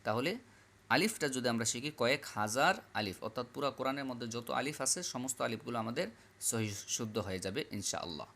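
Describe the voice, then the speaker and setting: A man teaching Quran reading, patiently repeating each letter aloud in a slow classroom style. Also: medium pitch, expressive, fairly bright tone. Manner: repetitive, drills letters aloud.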